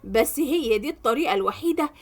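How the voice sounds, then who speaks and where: A woman's voice: high-pitched, lively intonation, fast. An Egyptian woman narrating a dramatic first-person family story. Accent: Egyptian Arabic.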